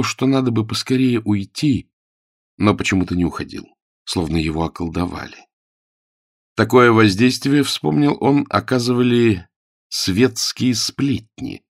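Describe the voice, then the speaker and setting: Man, audiobook narration, wry, gravelly low voice, dry close recording. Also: no echo.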